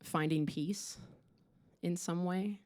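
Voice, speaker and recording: A young woman with a fairly low voice talks in a loose, rambling way, full of "like" and self-deprecating asides. She is a performer answering questions in a casual post-show chat. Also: steady tone, slow, a little mellow.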